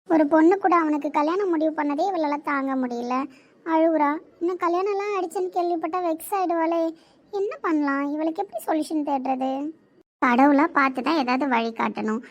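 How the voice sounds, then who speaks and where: A woman voicing a caring, protective female talking diary in an audio drama, speaking in an earnest, worried way. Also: very high-pitched.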